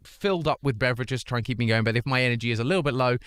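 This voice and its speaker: A man hosts a charity livestream, talking very fast in a medium-pitched, slightly bright, smooth voice captured in clean studio sound with no room noise. Still recovering from an illness, his voice isn't at full strength as he rambles, restarts, and earnestly pleads with chat to donate.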